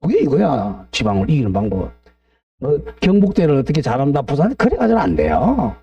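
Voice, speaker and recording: A man's voice: medium pitch, huge pitch swings, fairly quick, warm tone, slightly rough, far from the mic, highs cut off. A middle-aged man teaching a real estate law class, drifting into blunt, ranting asides and asking the class to agree. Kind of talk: lecture with opinionated digressions.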